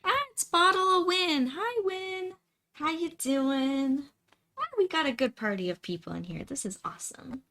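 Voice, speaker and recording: A woman's voice: high voice, animated, normal speed, pushed and bright, a little hiss or hum. A woman hosting a painting livestream, chatting casually and informally as she works. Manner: greets viewers by name, informal. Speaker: live stream host, painter.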